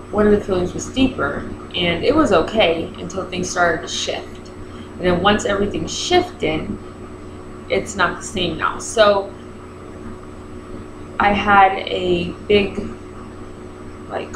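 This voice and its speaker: A woman in her thirties with braces in her mouth, chatting casually in a rambling vlog style and often interrupting herself. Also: fairly low pitch. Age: 30s. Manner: rambling, self-interrupting, animated retelling with quoted dialogue. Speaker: vlogger. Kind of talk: casual chat to camera. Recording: echoey room with clear background noise.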